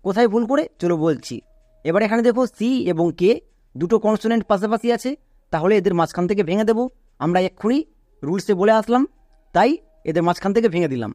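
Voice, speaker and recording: Man, high voice, patient step-by-step teacher, spells words letter by letter, dry close sound. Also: fast talker, darkish tone, dry recording. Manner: patient, step-by-step explaining with repeated rules. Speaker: English teacher. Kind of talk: online phonics lesson.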